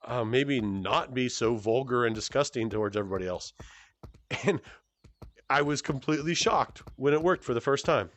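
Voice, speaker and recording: A cheerful gaming YouTuber in his forties answers fan questions while playing a VR game, talking through a headset mic. He rambles at an ordinary pitch with lively intonation, a fairly bright tone, and a moderate pace, full of fillers, restarts, and mid-sentence corrections.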